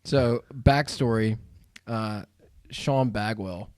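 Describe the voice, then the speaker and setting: A man hosting a podcast in a studio, telling stories in a lively, laughing way. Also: fairly low pitch, extremely slow, no room sound. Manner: animated storyteller, laughs while telling. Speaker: podcast host. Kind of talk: casual podcast chat.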